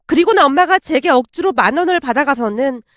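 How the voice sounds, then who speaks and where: Woman storyteller, high voice, lively, confiding tone, dry close sound. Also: fast talker, dry recording. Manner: chatty, confiding. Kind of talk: first-person story narration.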